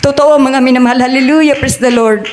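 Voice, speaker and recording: A woman's voice: sits high, steady tone, a little fast, a little mellow, slight background noise. A middle-aged woman giving an earnest church testimony in a church, calling her listeners beloved again and again. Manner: earnest, addresses the congregation as "mga minamahal" again and again.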